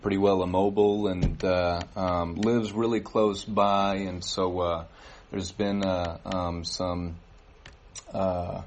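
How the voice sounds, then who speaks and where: A man giving church announcements, halting with many fillers. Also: deep voice, darkish tone, slight background noise. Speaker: worship leader giving announcements. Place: church service.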